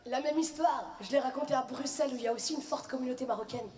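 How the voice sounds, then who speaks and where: A woman performing stand-up comedy, telling stories in a lively way. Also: sits high, quick pace, echoey room, a little hiss or hum. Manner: lively, storytelling.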